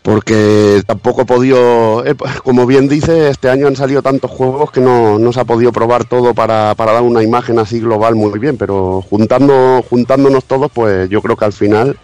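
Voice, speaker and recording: A man's voice: mid-range voice, fairly even intonation, normal speed, hardly any pauses, a little mellow, dry recording. A man with an accent from Spain and a voice cracked by a cold, chatting casually on a podcast. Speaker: podcast panelist. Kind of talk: casual chat.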